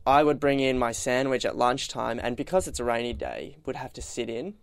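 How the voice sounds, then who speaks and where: A man's voice: medium pitch, expressive, a little fast, creaky, clean tone, dry recording. A young man, co-hosting a podcast with teasing, dry banter. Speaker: podcast co-host. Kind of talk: casual chat.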